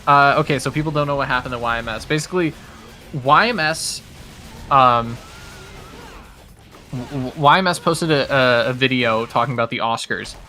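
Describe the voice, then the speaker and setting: A man's voice: medium pitch, moderate pace, pauses often, pushed and bright, faint music behind. A man hosting a casual gaming stream, rambling with lots of fillers and swearing freely. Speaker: host.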